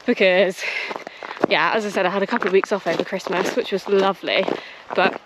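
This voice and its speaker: A woman's voice: mid-range voice, fairly even intonation, a little fast. A young British woman chatting casually to camera while out on a run outdoors. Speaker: running vlogger. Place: outdoors on a frosty countryside trail. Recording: noisy outdoor audio with clicks.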